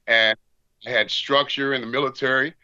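Middle-aged American male, veteran recalling his life as interview guest. Bright, punchy, earnest delivery, close dry sound. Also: mid-range voice, steady tone, moderate pace, smooth, dry recording, dull audio. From Washington, D.C., United States. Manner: veteran reminiscing about life. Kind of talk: conversational interview storytelling.

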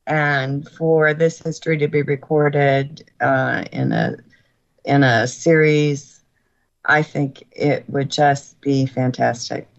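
An older woman speaking as a guest in a radio interview, earnest and grateful, with halting restarts, her voice sounding as if taped off the radio. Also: a bass voice, vocal fry, muffled recording. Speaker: guest author.

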